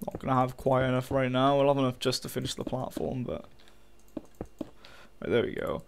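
A man's voice: mid-range voice, monotone, brisk, creaky, a little hiss or hum. A young man giving casual, frustrated commentary while playing a game, swearing often and talking to his viewers. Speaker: gaming channel host.

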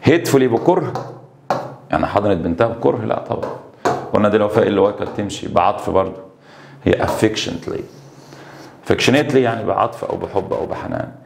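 Egyptian guy teaching english vocab, low gravelly voice, reads english slow then explains in arabic fast. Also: slight background noise. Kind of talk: exam-prep lesson, translating sentences.

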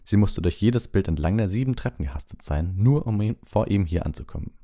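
A man reading a storybook aloud as an audiobook, in a calm, measured storytelling manner with small slips. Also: fairly low pitch. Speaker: audiobook reader.

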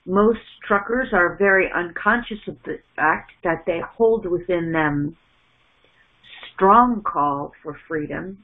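Middle-aged woman, spiritual channeler, slow halting delivery with repeated words, narrow phone-like earphone-mic sound. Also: on the low side. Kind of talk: channeled message in first person plural. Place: small indoor room at home. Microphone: wired earphone mic on a webcam call.

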